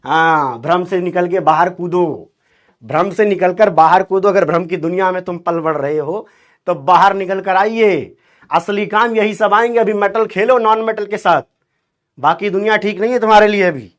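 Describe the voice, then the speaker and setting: High-voiced, lively chemistry teacher. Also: male voice, moderate pace. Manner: animated, teasing, quizzes students. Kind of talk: online class lecture.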